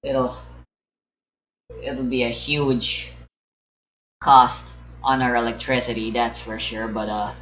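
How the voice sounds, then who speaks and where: A young gamer with a mid-range, slightly bright voice records a playthrough, musing aloud in rambling, casual commentary. He's hesitant and often corrects himself, and the sound is roomy over the game's music.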